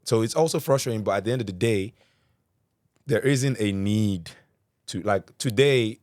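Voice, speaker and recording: Casting: man, South London accent, fairly deep, casual slangy interviewee, dry sound. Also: normal speed, a little mellow, no room sound. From South London, England. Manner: slangy, often addressing listener as bro. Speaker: independent music artist being interviewed. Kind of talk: casual chat.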